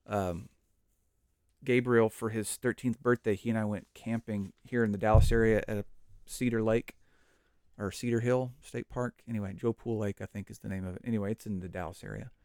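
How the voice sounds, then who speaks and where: A middle-aged man hosting a podcast, talking in a relaxed, chatty way with fillers and side stories during a Bible study conversation. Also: on the low side, fairly quick, smooth, no room sound, studio quality. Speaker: podcast host.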